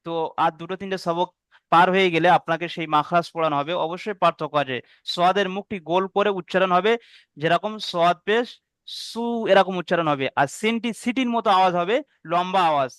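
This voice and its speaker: A man teaching Arabic letter reading in an online video-call class, sounding out each letter slowly and then explaining the rules. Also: sits high, a bit bright, smooth, no echo. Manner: slow drawn-out drilling of letter sounds.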